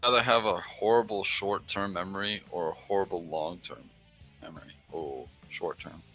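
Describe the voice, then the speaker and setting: A man's voice: sits low, normal speed, sharp tone, husky, soft background music. A man chatting casually with friends over a voice call, his mic's noise gate chopping off the ends of his words as he rambles and trails off. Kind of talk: casual voice chat among friends. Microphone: computer mic over a voice call.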